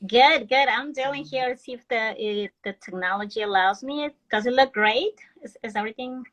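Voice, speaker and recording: A woman's voice: on the high side, moderate pace, a bit bright, rough recording. A woman from Ecuador, a financial advisor, speaking earnestly as a guest on a video call and often restarting her sentences. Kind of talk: casual live-stream interview.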